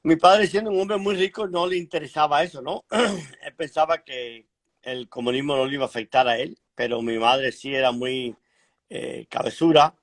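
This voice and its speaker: A middle-aged man from Cuba, a guest author telling his life story in a frank, measured way over a video call, pausing and clearing his throat. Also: on the high side. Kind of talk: conversational interview storytelling.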